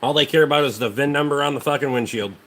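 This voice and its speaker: This livestream host from Rhode Island, United States, chats casually in response to viewers, with a Rhode Island accent and a blunt, dismissive, heavily profane style. His voice is medium in pitch, fast, and a bit bright.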